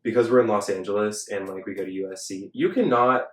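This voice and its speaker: A man's voice: fairly low pitch, fairly even intonation, fast talker. Chatty young man, roomy echo. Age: young adult. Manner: filler-heavy, chatty, frequent "like". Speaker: podcast host. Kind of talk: casual chat. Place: Los Angeles.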